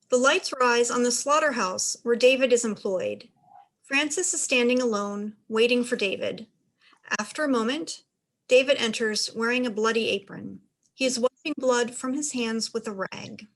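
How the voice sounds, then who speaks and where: A woman reads the stage directions of a play script, narrating its scene descriptions. Her voice sits fairly high and a bit bright, and her delivery is a little slow.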